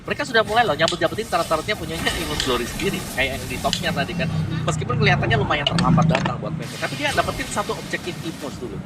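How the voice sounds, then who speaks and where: Fast, animated Indonesian man analysing esports. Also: on the high side. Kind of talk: conversational live game analysis. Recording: very noisy venue, slightly distant mic.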